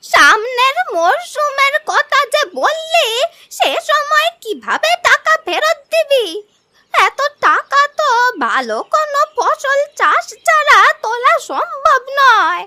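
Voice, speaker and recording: A woman voicing an elderly grandmother in a cartoon who talks slowly and thoughtfully. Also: extremely high pitch, sing-song, bright, forceful tone, exaggerated voice. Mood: pondering. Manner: slow, drawn-out speech.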